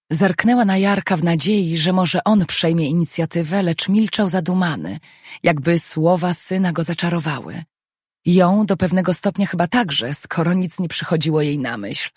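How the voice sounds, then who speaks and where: An audiobook narrator reading a novel in a steady, measured way. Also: mid-range voice, breathy edge, dry recording, studio quality.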